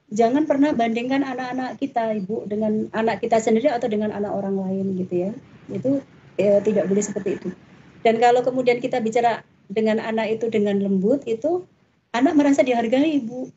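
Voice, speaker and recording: Chatty woman giving parenting advice, slightly high. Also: dark tone, lo-fi sound, a little hiss or hum. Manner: chatty, frequent tag questions. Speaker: parenting speaker. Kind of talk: parenting talk answering questions.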